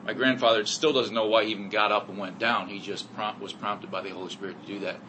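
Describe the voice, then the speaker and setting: A man's voice: fairly low pitch, steady tone, fast talker, sharp tone, a little hiss or hum, rough recording. A middle-aged man giving an earnest personal testimony to a congregation, with many "you know" fillers. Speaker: speaker sharing testimony.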